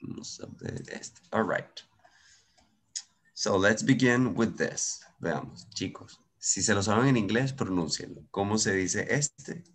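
A man's voice: fairly low pitch, animated, slow pace, a bit bright, husky. A man with a Venezuelan accent teaching English in an online class, switching between Spanish and English, patient and encouraging.

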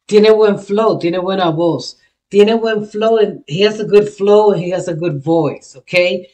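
A woman's voice: medium pitch, slow, a little mellow. A woman hosting a reaction video, switching between Spanish and English as she explains lyrics and thinks aloud. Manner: thinks aloud, restarts and self-corrects. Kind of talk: casual reaction commentary.

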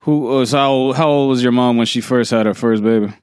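A man's voice: mid-range voice, fairly even intonation, brisk, darkish tone, smooth, no room sound, clean studio sound. A man hosting a casual interview, blunt and curious, swearing freely as he asks questions. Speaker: podcast host.

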